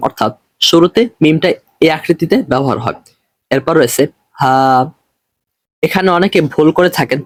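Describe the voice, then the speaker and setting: Patient teacher man, high-ish dry voice. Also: no room sound. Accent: Bangladeshi Bengali. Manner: patient, repetitive, stretches letter names slowly. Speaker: Quran reading teacher. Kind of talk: online lesson explaining Arabic letters.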